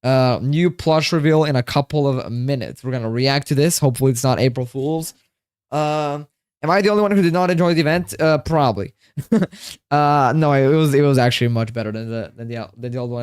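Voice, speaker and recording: A man's voice: mid-range voice, fast, a little mellow, smooth, dry recording, clean studio sound. A tired man livestreaming from home, chatting casually and rambling to his chat, often repeating himself.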